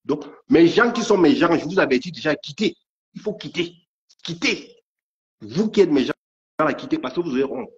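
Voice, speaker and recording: A man's voice: a little high, expressive, moderate pace. A man ranting angrily on a live stream, stammering and repeating his threats. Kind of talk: angry live rant. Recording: dull lo-fi stream audio.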